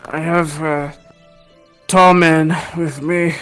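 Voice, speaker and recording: A woman voicing a gruff, curt old gnomish man in a tabletop fantasy game. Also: deep voice, steady tone, slow, faint music behind. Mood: grumbling. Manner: curt, brusque.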